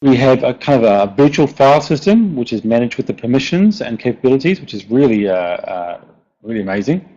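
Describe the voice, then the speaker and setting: A software developer with a broad New Zealand accent presents a technical topic informally, speaking fairly quickly in a sing-song, dark-toned mid-range voice. He frequently hesitates and repeats words, and the online recording is dull and lo-fi.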